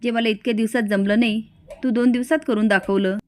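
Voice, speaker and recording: A woman's voice: a little high, fairly even intonation, brisk, a little mellow, dry recording, lightly acted. Woman doing a condescending rich mother. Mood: gloating. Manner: condescending, fussing.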